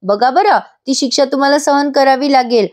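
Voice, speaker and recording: A woman voicing a gentle, loving young bride in a voice-over episode recap, speaking softly and affectionately. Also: high-pitched, normal speed, close to an everyday voice. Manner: soft, affectionate, pleading. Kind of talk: voice-over recap reading a character's lines.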